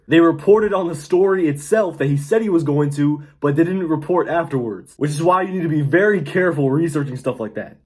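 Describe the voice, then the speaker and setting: A man's voice: a little high, a little mellow. A man giving casual, opinionated commentary in a loose, conversational way, recorded indoors. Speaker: YouTube commentator. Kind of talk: casual video-essay commentary.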